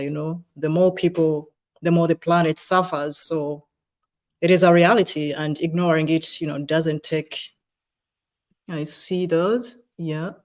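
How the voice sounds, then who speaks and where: A woman's voice: on the low side, darkish tone. A woman with a Ugandan accent co-hosting a live webcast, chatty and upbeat, greeting viewers and reading out their comments. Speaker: webcast co-host.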